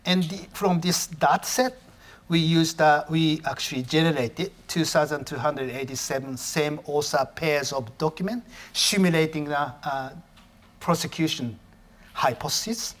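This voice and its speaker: This man, a native Japanese speaker, lectures as a professor with a fairly high-pitched voice. He often stops mid-thought to correct his wording.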